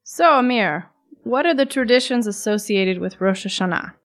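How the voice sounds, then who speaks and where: A woman with a somewhat high voice co-hosts a scripted educational podcast. She asks friendly, curious questions and adds short remarks of her own. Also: animated, normal speed. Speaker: podcast co-host.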